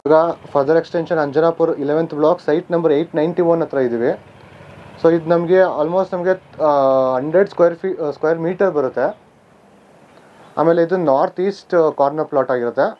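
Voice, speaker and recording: A man's voice: on the high side, brisk. A man guiding a walking tour of vacant residential plots, listing figures plainly with frequent "aa" fillers and self-corrections, recorded outdoors on a camera mic. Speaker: real estate guide touring sites. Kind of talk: walking site-tour narration. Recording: slightly dull camera audio with faint outdoor ambience.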